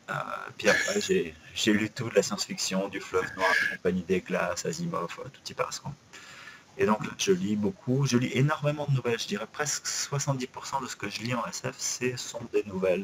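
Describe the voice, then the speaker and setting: A man's voice: fairly low pitch, a little hiss or hum. Man in his forties, co-hosting. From France, Paris. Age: 40s. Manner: relaxed, chatty, hesitant with fillers. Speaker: podcast co-host. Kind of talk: casual chat.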